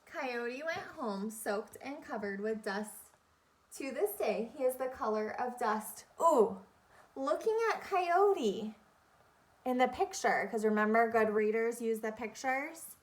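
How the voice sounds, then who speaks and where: Speaking as an elementary teacher, a woman leads an interactive read-aloud for young children, deliberate and instructive, repeating key phrases and questions. Her voice is on the high side with lively intonation.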